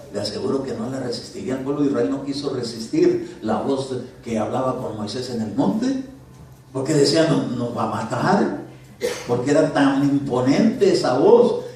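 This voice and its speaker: A male pastor preaching a conversational sermon in a church, swinging from loud commands to soft asides. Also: medium pitch, normal speed. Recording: very echoey church hall from a distance.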